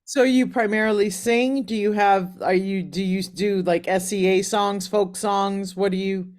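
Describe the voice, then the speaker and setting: A woman's voice: medium pitch, fairly even intonation, normal speed, darkish tone. Curious woman podcast host. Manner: curious, asking lots of questions. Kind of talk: casual interview chat.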